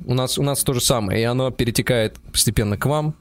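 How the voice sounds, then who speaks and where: A man in his thirties co-hosting a casual comedic chat, ironic and jokey. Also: quick pace. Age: 30s. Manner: ironic, jokey, big pitch swings when joking. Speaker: podcast co-host.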